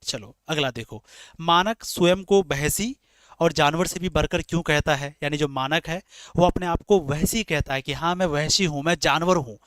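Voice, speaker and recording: Male tutor with a high voice for an exam-prep class, explains by repeating himself and answering his own questions. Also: moderate pace, fairly bright tone, smooth, dry recording. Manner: repetitive, explains in rhetorical questions, calls students dear children. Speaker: teacher.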